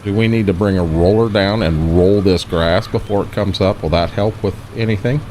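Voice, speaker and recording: A man's voice: deep voice, normal speed, a little mellow, slight background noise. Laid-back man chatting on a stream. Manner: laid-back, rambling, talks to chat viewers. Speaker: game streamer. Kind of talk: casual live-stream chat.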